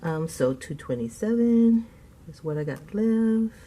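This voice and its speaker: This budgeting channel host speaks at medium pitch in an animated yet measured, dark-toned voice. Filming at home, she chats, laughs frequently and counts her cash out loud, sounding a little congested from asthma and clearing her throat.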